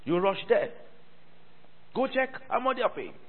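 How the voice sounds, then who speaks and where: With a very high voice and big pitch swings at a normal speed, a pastor preaches to his church, repeating phrases and drawing responses from the congregation. The church hall recording is thin, phone-like and drenched in long reverb.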